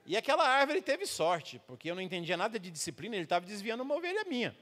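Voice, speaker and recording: A Brazilian man with a Brazilian Portuguese accent tells a sermon story and jumps between characters' voices. His voice sits high for a man and rings out through the long reverb of a church hall. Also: very fast. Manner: animated storytelling, acts out dialogue, laughs along. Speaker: missionary preacher. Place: church sanctuary.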